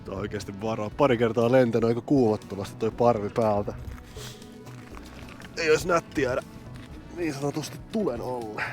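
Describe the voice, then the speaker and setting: Excitable man from vlogging outdoors. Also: mid-range voice, pauses often, faint music behind. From Helsinki, Finland. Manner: excitable, chatty, explaining technique. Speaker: fishing vlogger. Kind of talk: casual outdoor vlog narration. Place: outdoors on a frozen city lake.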